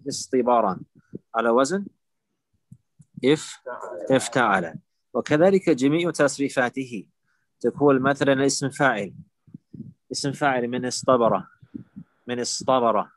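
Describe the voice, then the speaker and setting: A patient male teacher walks his students through Arabic word forms, repeating each one slowly and checking that they follow. His voice sits at an ordinary middle pitch. The sound is dry and close, with no room echo. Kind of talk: live online lesson with students.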